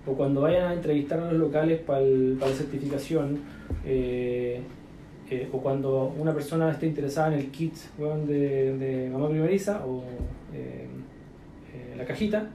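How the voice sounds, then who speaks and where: A man's voice: medium pitch, moderate pace, warm tone, a little hiss or hum. A man with a Chilean accent, mentoring entrepreneurs in a casual chat full of slang, fillers and coaching asides. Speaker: business mentor. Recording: echoey room.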